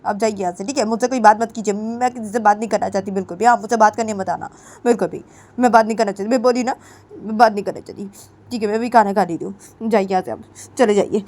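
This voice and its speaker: A woman's voice: high-pitched, moderate pace, long pauses, a little mellow, voice pushed up, lightly acted. A woman voicing a hurt young wife who talks back indignantly and repeats herself. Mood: dismissive.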